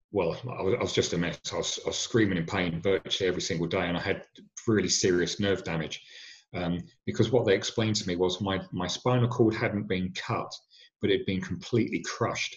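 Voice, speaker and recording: A man's voice: low-pitched, roomy sound. Man telling his injury story, lo-fi. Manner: earnest, halting with fillers and restarts. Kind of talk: personal storytelling. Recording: dull lo-fi sound.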